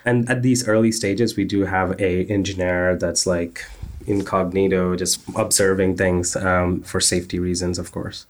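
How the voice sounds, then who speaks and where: Founder type, man, low register, earnest and technical, drops "uh" fillers. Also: flat delivery, normal speed. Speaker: startup founder. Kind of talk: interview answers.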